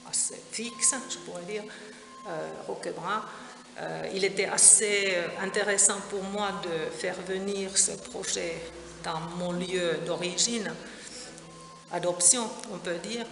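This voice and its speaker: A middle-aged Finnish visual artist, Finnish being her first language, is interviewed at her exhibition about her art project, hesitating with many fillers and restarts. Her lowish voice has vocal fry and a fairly bright tone, with slight hiss or hum. The gallery is echoey, with a sound installation's music playing behind her.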